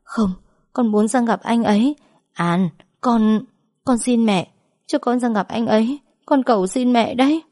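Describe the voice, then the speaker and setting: A woman acts out a young wife pleading through tears, her voice choked and raised well above her usual pitch. The tone stays mellow and soft underneath. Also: measured pace, no room sound, studio quality, close to an everyday voice. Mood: tearful pleading.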